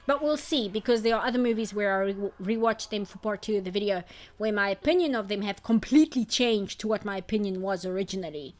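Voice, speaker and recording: A woman's voice: mid-range voice, fast talker. A woman streamer in casual chat who rambles and reads out chat comments. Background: faint background music.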